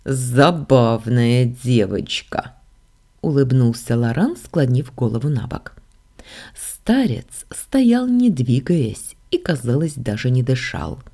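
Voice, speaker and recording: A woman narrating a fantasy audiobook in the first person, with a wry, expressive telling. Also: extremely low pitch, measured pace, husky.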